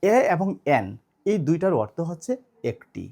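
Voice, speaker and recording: A man's voice: high voice, big pitch swings, moderate pace, vocal fry, warm tone. A man teaching an online grammar lesson, explaining step by step and asking his students questions.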